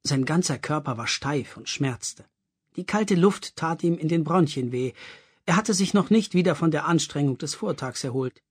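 An audiobook reader narrating a story expressively with a husky voice. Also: medium pitch, lively intonation, normal speed. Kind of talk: scripted narration.

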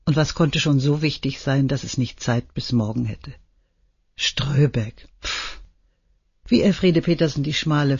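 A man reading a novel aloud as narrator, in a measured, earnest storytelling manner. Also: medium pitch, gravelly, a little mellow, husky, no room sound, highs cut off. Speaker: audiobook narrator. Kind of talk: scripted narration.

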